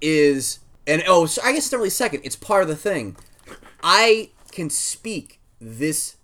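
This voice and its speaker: A man playing a tabletop role-playing game, talking in an animated, rambling way with many restarts. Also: on the high side, unhurried. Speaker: player. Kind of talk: tabletop game play, casual chat.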